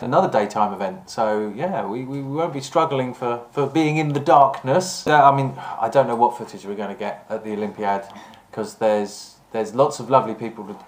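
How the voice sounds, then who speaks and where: Guy hosting a loose chatty show, kinda jokey and rambling, roomy echo. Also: medium pitch. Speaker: host. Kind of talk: casual chat about vintage events. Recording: roomy, echoing room sound.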